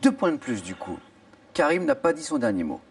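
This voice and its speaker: A man's voice: mid-range voice, brisk, slight background noise. A man hosting a television quiz show in a studio, reading clues theatrically and cheering contestants on. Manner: animated, theatrical, exclaiming. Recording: from a distance over music and audience. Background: theme music and studio audience.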